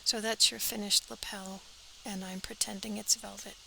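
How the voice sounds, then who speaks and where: A woman's voice: medium pitch, level tone, normal speed, vocal fry, sharp tone, a little hiss or hum, low-quality recording. A woman teaching a step-by-step sewing pattern drafting tutorial, practical and talking as she works, often dropping to an airy half-whisper.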